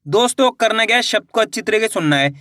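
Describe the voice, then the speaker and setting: A man teaching reading, sounding out each syllable slowly and then blending them into words, often repeating and asking the learner questions. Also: sits high, expressive, pushed and bright, dry recording, studio quality. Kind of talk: slow spelled-out reading lesson.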